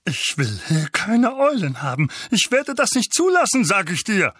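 A man voicing a blustering, irascible middle-aged uncle in an audiobook, booming and bleating with spiteful indignation. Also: sing-song, unhurried, pushed and bright, no echo, studio quality, full character voice. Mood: outraged.

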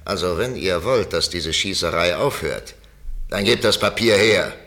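An actor playing a cunning one-legged pirate leader in a radio play, sly and wheedling, bursting into shouted threats. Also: male voice, low-pitched, measured pace, full character voice. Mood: bargaining.

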